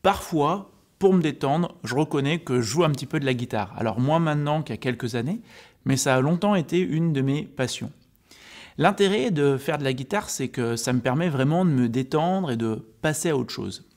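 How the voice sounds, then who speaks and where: Guy, kinda higher voice, coach explaining stuff step by step in a casual video. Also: expressive, moderate pace, darkish tone. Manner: didactic, step-by-step explaining, addressing the viewer informally. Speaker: health and sports coach presenting a video. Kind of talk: informal explanatory talk to camera.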